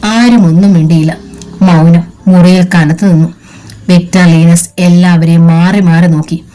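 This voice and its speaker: Woman narrating in a low, mellow voice. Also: rough recording. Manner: steady, measured storytelling. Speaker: audiobook narrator. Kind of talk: scripted narration of a crime novel.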